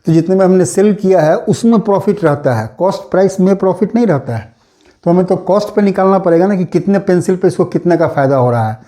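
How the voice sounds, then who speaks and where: Talking fast in a high, mellow voice, a man explains a maths problem to his class. He goes patiently step by step, comes back to the important points, and weaves terms into what he says.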